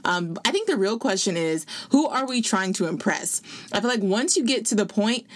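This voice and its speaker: A young woman in her twenties co-hosting a podcast in casual chat, upbeat and quick to laugh. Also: medium pitch, expressive. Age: 20s. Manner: upbeat, laughs easily, chatty. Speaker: podcast co-host.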